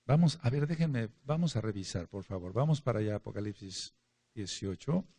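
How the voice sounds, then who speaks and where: A man preaches a Bible study to a congregation, emphatic, repeating key words and addressing his listeners directly. His fairly low voice is expressive and fairly quick, warm in tone and slightly rough.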